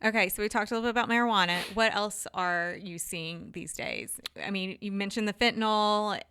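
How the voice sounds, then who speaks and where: A woman in her forties hosts a podcast interview in a chatty, relaxed way, often saying "you know". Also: mid-range voice, a little fast, clean tone. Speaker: podcast host.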